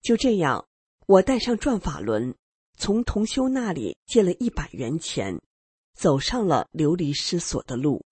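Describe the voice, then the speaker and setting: A woman narrating a first-person story on a radio program, earnest and expressive. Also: on the low side, measured pace, husky, no room sound.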